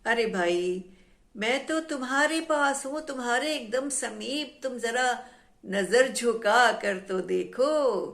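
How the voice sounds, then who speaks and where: A woman doing a calm, gentle shadow. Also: a little high, slow pace, vocal fry, full character voice. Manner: soft, even, rhyming speech. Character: calm gentle female shadow, patient and teasing.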